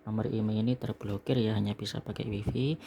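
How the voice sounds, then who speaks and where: Speaking fairly quickly in a lowish, warm voice with a steady tone, this Indonesian online seller explains a product in a small indoor room. His narration of packing and reviewing the item is casual and explanatory, and he keeps tagging phrases with "ya." Slight background noise can be heard.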